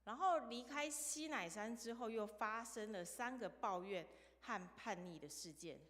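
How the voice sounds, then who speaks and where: A woman's voice: fairly high pitch, unhurried, fairly bright tone. Woman preacher, storytelling sermon style, recorded in a reverberant church hall. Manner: storytelling, asks the congregation questions. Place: church sanctuary.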